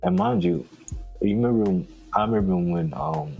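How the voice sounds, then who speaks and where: A man co-hosting a podcast, chatting casually and excitedly about his team, bragging with frequent laughs. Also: lowish voice, moderate pace, gravelly, faint music behind, poor audio. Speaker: podcast co-host. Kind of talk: casual sports chat.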